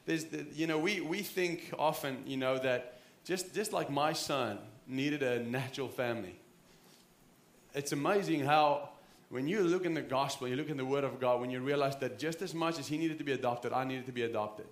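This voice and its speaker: A South African man in his thirties, a pastor, delivers an earnest, conversational sermon with frequent restarts. His voice is medium-pitched and moderately paced. The church sanctuary gives a roomy sound.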